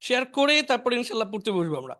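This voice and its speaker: A woman teaching an online spoken English class, drilling vocabulary slowly and asking students to repeat aloud. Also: fairly high pitch, sing-song, a bit bright.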